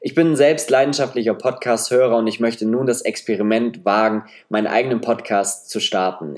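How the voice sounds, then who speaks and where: This Leipzig podcaster, a man in his twenties from eastern Germany, talks in a medium-pitched, slightly mellow, nasal voice with a light Saxon German accent. His semi-scripted solo monologue is chatty and self-deprecating, captured on a podcast microphone.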